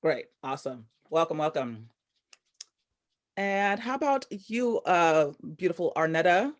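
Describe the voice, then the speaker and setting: A woman's voice: lowish voice, animated, a little slow. Upbeat woman hosting a video call. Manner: upbeat, welcoming, chatty. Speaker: workshop host. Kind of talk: casual video-call workshop.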